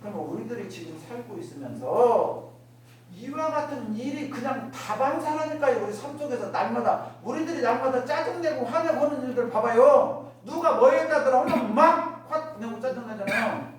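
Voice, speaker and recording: A woman's voice: on the high side, lively intonation, moderate pace, recorded from a distance. Woman preaching in an echoey hall. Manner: keeps asking the listeners rhetorical questions; acts out everyday remarks in other voices. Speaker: Won Buddhist minister. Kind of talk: dharma talk to a congregation. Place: worship hall. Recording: echoey hall, miked from afar, faint noise.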